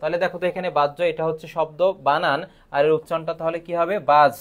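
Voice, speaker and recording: A man leads a live online grammar class. His voice sits a touch high, and he keeps asking the students questions and then answering them himself. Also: flat delivery, racing.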